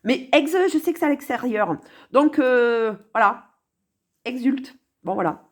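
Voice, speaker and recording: Woman riffing on song lyrics, high voice that jumps all over, mocking and chatty. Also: lively intonation, a little slow. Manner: sarcastic, playful, talks to the viewer. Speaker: commentator on a song. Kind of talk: casual spoken commentary.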